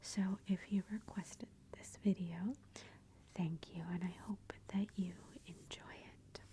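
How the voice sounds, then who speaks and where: A woman speaking softly in a hushed, breathy near-whisper, gently and unhurriedly giving an ASMR book review. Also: on the low side, fairly even intonation, unhurried.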